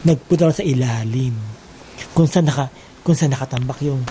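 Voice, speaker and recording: Man, teasing gossipy storyteller, mellow voice, faint background noise. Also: mid-range voice, fairly quick, low-quality recording. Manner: teasing, mocking, exaggerated asides.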